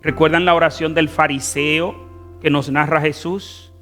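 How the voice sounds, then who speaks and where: Fervent high-voiced Dominican preacher. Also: male voice, fairly even intonation, unhurried, soft background music. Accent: Dominican Spanish. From Dominican Republic. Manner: fervent preaching with wide swings in loudness and stretched words. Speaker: pastor. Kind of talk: sermon.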